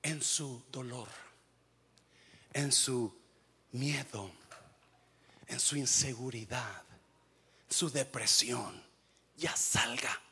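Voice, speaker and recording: A Mexican man preaching a sermon with a Mexican Spanish accent, urging the church on, dropping to hushed tones and then shouting, with English phrases mixed in. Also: mid-range voice, drawn-out words, gravelly, pauses often, breathy edge. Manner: shouts and sings out exhortations, then drops to hushed intensity. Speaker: pastor.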